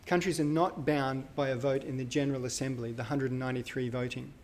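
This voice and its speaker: A man's voice: medium pitch, steady tone, fast, a little hiss or hum. A man giving a live university lecture, talking casually with fillers and self-corrections. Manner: conversational, thinks aloud with fillers and self-corrections.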